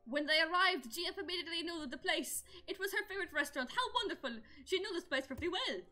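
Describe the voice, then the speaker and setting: A woman streaming live, chatting casually with viewers, giggly and excitable, laughing often. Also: very high-pitched, fast, faint music behind.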